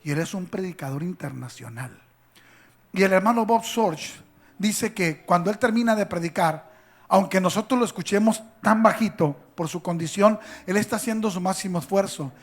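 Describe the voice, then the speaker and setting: A pastor with a strong, high-pitched voice delivers his sermon. He moves between quiet, joking asides and loud, emphatic calls to the congregation. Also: moderate pace.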